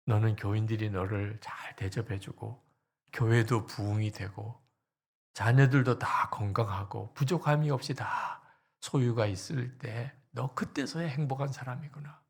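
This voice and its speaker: A man voicing God as a stern father figure who rebukes a pastor in a low, hushed, scolding tone. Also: unhurried, vocal fry, slightly rough, exaggerated voice. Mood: rebuking.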